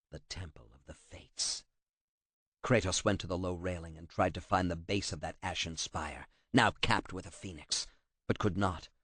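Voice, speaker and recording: A man narrating an audiobook with a dramatic, expressive delivery. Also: on the low side, no echo.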